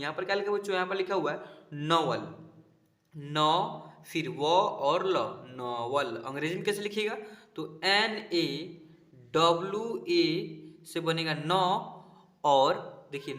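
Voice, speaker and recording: A man's voice: fairly high pitch, fairly bright tone, echoey room. A man teaching a spelling lesson over a screen, sounding out words syllable by syllable and often checking "ठीक है?" with his pupils.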